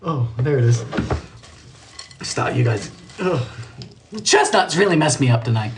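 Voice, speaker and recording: Animated joking man hosting a baking stream. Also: mid-range voice, a little slow, a little hiss or hum. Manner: playful, joking, laughs often. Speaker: live-stream baking host. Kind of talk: casual live-stream chat, reading viewer comments. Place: home kitchen.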